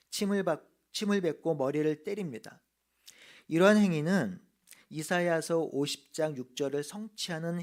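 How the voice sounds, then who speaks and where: A man preaching a sermon as a pastor, earnest, slowing down to stress key phrases. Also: a little high. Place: church.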